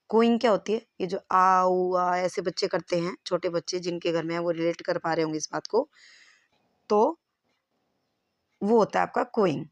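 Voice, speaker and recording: A woman's voice: medium pitch, darkish tone, no echo. A woman teacher giving an exam-prep lesson, explaining terms step by step and checking if the class follows.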